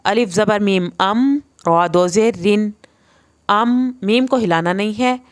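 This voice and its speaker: Patient woman teaching Quran recitation. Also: medium pitch. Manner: slow, patient spelling out of letter sounds. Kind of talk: online tajweed lesson.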